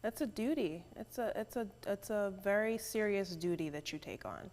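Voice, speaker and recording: A woman's voice: mid-range voice, normal speed, darkish tone, big-room sound. A woman who works in bridal beauty, speaking as a guest in casual chat and often asking "right?". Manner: conversational, often adds "right?".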